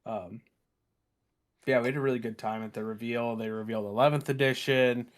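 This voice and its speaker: A man's voice: mid-range voice, steady tone, a little fast. A young man co-hosting a podcast, laid-back and chatty in casual conversation. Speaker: podcast co-host. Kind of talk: casual chat.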